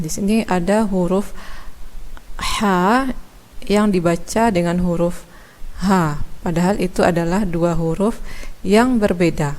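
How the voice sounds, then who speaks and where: A woman teaching Quran recitation from Indonesia, explaining letter sounds slowly and demonstrating them. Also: fairly low pitch. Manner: slow, measured, demonstrating sounds. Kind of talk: instructional explanation.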